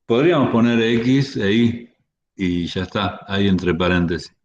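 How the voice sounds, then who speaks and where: A man's voice: on the low side, measured pace, highs cut off. A man giving an online university math lecture, explaining step by step with frequent restarts and fillers.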